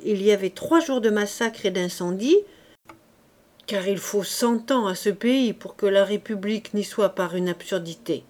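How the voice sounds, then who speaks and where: A woman narrating a classic novel in a steady, even storytelling manner. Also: a little high. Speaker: audiobook narrator. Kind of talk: scripted literary narration.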